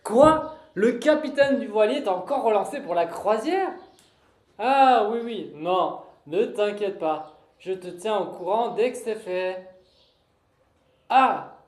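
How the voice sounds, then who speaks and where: A man's voice: sits high, expressive, slow, echoey room, pitched above the performer's own voice. A sentimental man murmurs sweet, slightly flustered words into a phone, played by an amateur actor. His voice stays close to his everyday voice. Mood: tender. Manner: tender, a bit flustered. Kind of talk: amateur stage play rehearsal.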